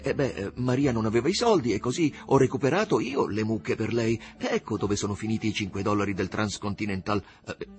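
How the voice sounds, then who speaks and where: A man's voice: medium pitch, natural voice. A man voicing a passionate, stubborn young writer in an audiobook, speaking fervently and defiantly. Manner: fervent, defiant, sometimes halting. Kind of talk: audiobook character reading.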